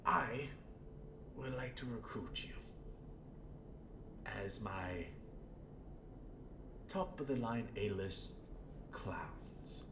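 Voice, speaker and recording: A man voicing an unhinged, menacing clown supervillain in a rambling, theatrical audio roleplay, with a gravelly voice and smug manner. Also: expressive, very slow, long pauses, exaggerated voice. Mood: coaxing, menacing. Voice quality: gravelly, creaky. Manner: rambling, theatrical, swinging from mutters to outbursts. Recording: roomy echo, faint rumbling noise.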